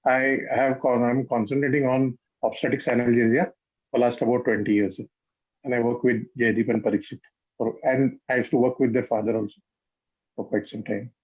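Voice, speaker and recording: A man's voice: medium pitch, slightly rough. Indian man in his fifties, muffled call. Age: 50s. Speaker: anaesthetist, panelist. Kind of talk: self-introduction on an online panel. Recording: dull video-call audio.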